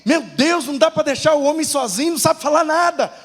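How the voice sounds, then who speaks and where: A man voicing a fretful elderly grandmother who pleads with her husband in a high, exasperated voice. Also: quick pace, big-room sound. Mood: exasperated pleading.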